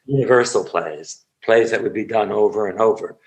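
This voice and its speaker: Animated older man telling acting stories. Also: on the low side, normal speed, poor audio. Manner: animated storyteller who acts out the people he describes. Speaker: acting coach. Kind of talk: storytelling interview.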